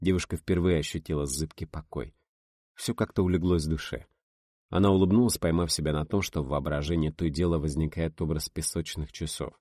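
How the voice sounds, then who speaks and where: A man narrating an audiobook with an expressive reading. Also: very deep voice, a little fast, dry recording. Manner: expressive reading, voices for characters.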